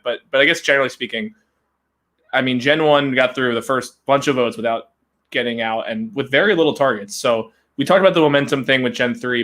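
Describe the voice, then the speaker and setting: A man hosting a casual video call, moderating questions in a relaxed, conversational way. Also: mid-range voice. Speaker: host.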